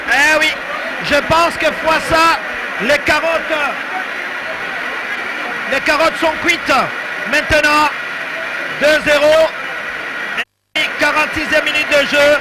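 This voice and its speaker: A man with a Congolese accent giving excited, emphatic live football commentary, often repeating his phrases. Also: very high voice. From Democratic Republic of the Congo. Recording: very noisy stadium broadcast. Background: loud stadium noise.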